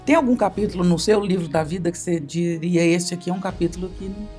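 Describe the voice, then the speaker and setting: A woman hosting a podcast, asking short questions and adding quick supportive remarks. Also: lowish voice, a little mellow, faint music behind. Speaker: podcast host. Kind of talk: casual interview chat.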